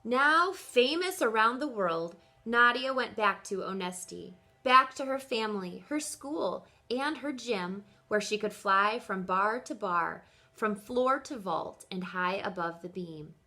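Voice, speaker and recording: A woman teacher, medium in pitch, reads to children at a measured pace with few pauses. She's expressive, speaking directly to the little ones and posing questions.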